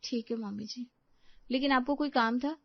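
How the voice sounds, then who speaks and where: A woman's voice: fairly high pitch, moderate pace, no echo, pitched above the performer's own voice. A woman voicing a put-upon young daughter-in-law who grumbles in an exasperated way. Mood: grumbling. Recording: slightly dull, dry close recording.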